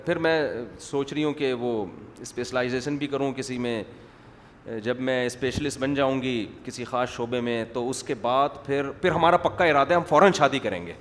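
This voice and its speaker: A man putting on a young woman talking with a straight, mock-serious face about her far-off wedding plans, her voice softer and lower than his everyday talk and spread out in a long hall echo. Faint noise hums behind her. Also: lightly acted. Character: young woman soberly downplaying her engagement.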